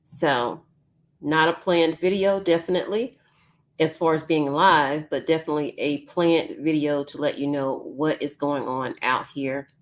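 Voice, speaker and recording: A YouTube news channel host, a woman with a low-pitched voice, speaks a little slowly with fairly even intonation as she hosts a casual live news stream from home. She's chatty and says um often, and her voice is giving out.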